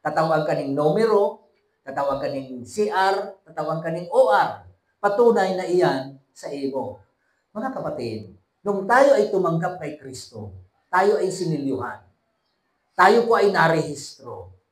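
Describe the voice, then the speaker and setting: A man's voice: on the high side, big pitch swings, a little slow. Echoey preacher man. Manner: preaching with call-and-response to the congregation; switching between hushed and raised emphatic delivery. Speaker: pastor. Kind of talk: sermon.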